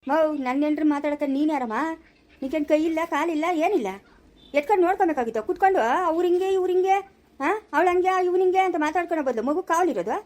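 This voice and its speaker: A woman playing an angry middle-aged village father who loudly defends his wife, in a rural Chikkaballapura Kannada accent. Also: very high-pitched, animated, fast talker. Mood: scolding. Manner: scolding, loud and indignant. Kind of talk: amateur family drama acting.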